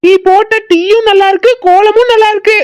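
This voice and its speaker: A woman voicing a grumpy old village grandfather in a cartoon, with a southern Tamil Nadu accent, gruffly scolding and teasing his family. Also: extremely high pitch, steady tone, fairly quick, darkish tone, slight background noise. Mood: grumbling. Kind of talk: cartoon voice acting.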